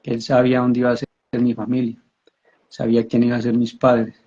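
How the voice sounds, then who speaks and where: A man telling his personal conversion testimony in a halting way, often restarting and repeating his words. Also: medium pitch, completely flat delivery, dark tone. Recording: dull lo-fi audio.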